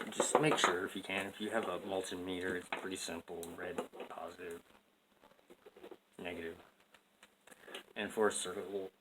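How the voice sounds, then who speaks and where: A man casually explaining a DIY wiring fix, rambling and joking at himself, in a noisy home recording. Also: lowish voice. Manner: rambling, self-mocking, jokey. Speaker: DIY video maker.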